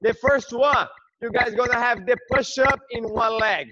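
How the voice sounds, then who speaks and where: High-pitched, hard-driving gym-bro fitness coach, male. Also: fairly even intonation, moderate pace, pushed and bright, highs cut off. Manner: high-energy gym-bro encouragement, clipped repeated praise. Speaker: group fitness instructor. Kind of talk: workout class coaching, shouted cues and countdowns. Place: large indoor gym, on a video call.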